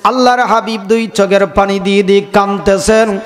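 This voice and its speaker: A man's voice: sits high, steady tone, normal speed. A man preaching a waz sermon, chanting in sing-song swells and calling his crowd to answer back. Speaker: Islamic preacher. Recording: echoey hall reverb, faint music.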